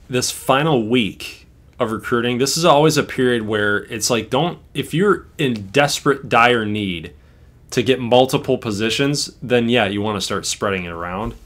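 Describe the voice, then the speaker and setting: A man co-hosting a casual chat about a football video game, excitable and quick to cheer or groan. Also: mid-range voice. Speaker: co-host. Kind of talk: casual gaming commentary.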